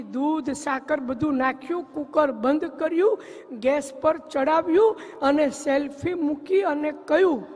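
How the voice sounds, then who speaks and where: A man telling jokes live on stage with an animated storytelling manner. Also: very high voice, big-room sound. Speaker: stand-up joke teller.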